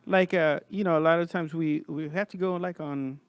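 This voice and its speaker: A man's voice: on the high side, steady tone, moderate pace, no echo. Casual male podcast host, dry close sound. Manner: informal, says man and bro often. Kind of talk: casual chat.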